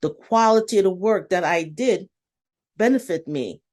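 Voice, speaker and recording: A woman talks through a personal story in a relaxed interview and fills it with energy. She is emphatic and blunt, and she acts out her own self-talk in quotes. Her voice sits in an ordinary middle range. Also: mid-range voice, normal speed. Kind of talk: casual interview conversation.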